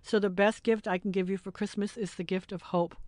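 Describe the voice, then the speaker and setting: A woman's voice: medium pitch, fairly even intonation, a little fast, darkish tone, no room sound. A middle-aged woman hosting a podcast, chatting candidly and emotionally as she wraps up an episode. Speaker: podcast host. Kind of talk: casual podcast wrap-up chat.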